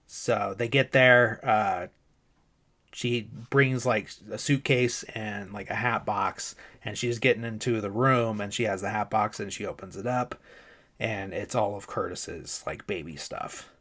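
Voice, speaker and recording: Man, podcast host, casual movie recap, rambling, filler-heavy, fairly low pitch. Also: unhurried, fairly bright tone.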